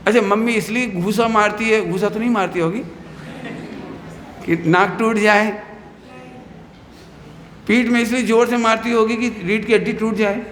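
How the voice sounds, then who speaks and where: Man, religious teacher, high voice; playful class talk with questions and mock scolding; echoey hall with a faint hum. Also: fairly even intonation, moderate pace, long pauses, a bit bright. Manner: acts out scolding mothers and teachers. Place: hall with children. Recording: echoey hall with long reverb.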